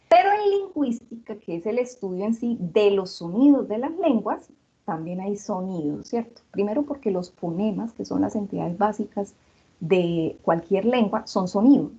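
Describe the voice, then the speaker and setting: Husky Santander Colombian woman lecturing. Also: medium pitch, mellow, highs cut off. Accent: Santander Colombian Spanish. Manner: explanatory, asks rhetorical questions. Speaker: university lecturer. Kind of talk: online class lecture.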